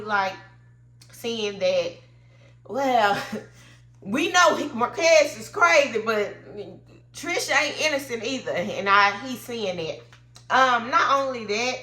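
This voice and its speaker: Bright and forceful in a mid-range voice, this reality TV recap host comments casually, loosely and with strong opinions while congested. The room around her is echoey.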